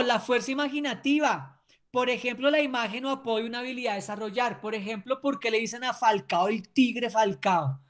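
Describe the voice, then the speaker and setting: A woman lecturing a sports training class, emphatic and often checking in with her listeners. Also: on the high side.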